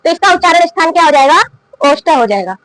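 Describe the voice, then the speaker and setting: A woman teaches a grammar lesson in a very high, bright voice. She asks the class a question, then answers it herself and repeats the answer. The recording is dry and close. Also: expressive, fast talker, dry recording, low-quality recording. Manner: coughs now and then. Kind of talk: classroom lesson explaining and drilling.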